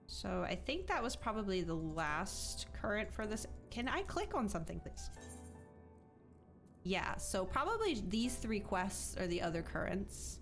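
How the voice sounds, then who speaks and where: A young woman streamer chatting casually while she plays a video game, excitable and talkative, breaking into squealing disbelief. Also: medium pitch, unhurried, soft background music. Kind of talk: casual live-stream commentary.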